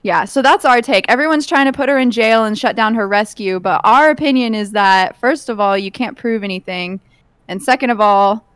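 A woman's voice: fairly high pitch, moderate pace, a bit bright, clean tone, no room sound. Emphatic young woman podcast guest. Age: young adult. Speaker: guest true crime podcaster. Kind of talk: casual chat.

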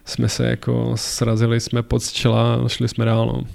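A man casually telling a story as a guest, animated, acting out shouted quotes with many fillers and restarts. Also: mid-range voice, creaky.

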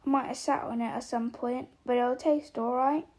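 A woman reading aloud and voicing a huge, shaggy male giant who talks in a rough, homely way and is gruff but kind. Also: high-pitched, fairly even intonation, moderate pace, a little mellow. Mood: friendly.

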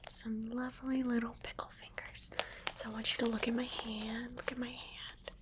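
A woman whispering a playful ASMR role-play, coaxing the listener with gentle repeated instructions. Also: a little high, level tone, moderate pace, very noisy. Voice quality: soft whisper. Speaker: ASMR creator.

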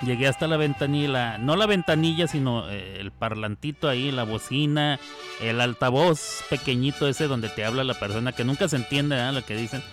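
A radio host with a Mexican accent keeps things light and joking, reading comments from his audience and ribbing them. Music runs underneath his medium-pitched voice, delivered at normal speed.

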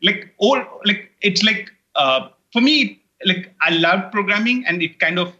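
A middle-aged Indian man, a native Telugu speaker with an Indian English accent, appears as an interview guest who creates online courses. In casual chat he rambles, full of fillers and restarts, his high voice animated, measured, bright and pushed. The audio sounds dull.

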